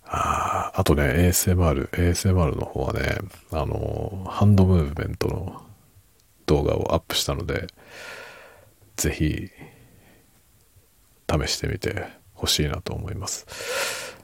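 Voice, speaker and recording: A middle-aged man chatting softly and casually late at night in a husky, hushed murmur that drifts into whisper, unhurried and trailing off. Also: a bass voice, no room sound. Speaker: podcast and ASMR creator.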